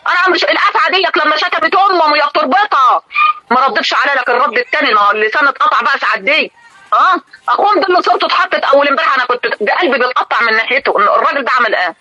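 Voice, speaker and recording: An older woman with an Egyptian accent hosting a live stream, talking in an indignant, scolding, rapid-fire way to her viewers and a caller. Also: sits high, lively intonation, bright, forceful tone, no echo, lo-fi sound. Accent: Egyptian Arabic.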